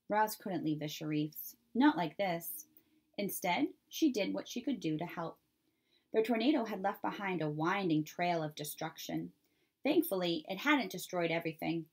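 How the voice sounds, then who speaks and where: A woman reading a children's chapter book aloud in a clear, steady storytelling manner. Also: fairly low pitch. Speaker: reader.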